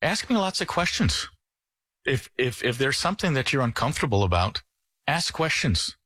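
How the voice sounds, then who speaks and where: A middle-aged man from the Netherlands, a financial advisor talking earnestly on a radio show in a folksy sales-pitch manner. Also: sing-song, normal speed, pushed and bright, no room sound.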